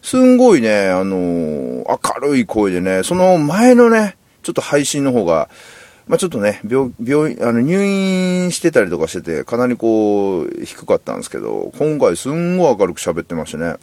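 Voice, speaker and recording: A man's voice: medium pitch, wildly swooping pitch, moderate pace, a little mellow, dry recording. A man with a Kansai accent hosting a solo podcast, talking in a rambling, candid and self-deprecating way. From Kansai, Japan. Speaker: podcast host. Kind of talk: casual solo podcast monologue.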